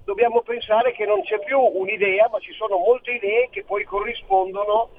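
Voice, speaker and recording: High-voiced man calling in over the phone. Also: expressive, normal speed. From Friuli Venezia Giulia, Italy. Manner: winding, theorizing, loose sentences. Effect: heard over a telephone line. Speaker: radio caller. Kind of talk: rambling phone-in call. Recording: tinny phone line with faint hiss.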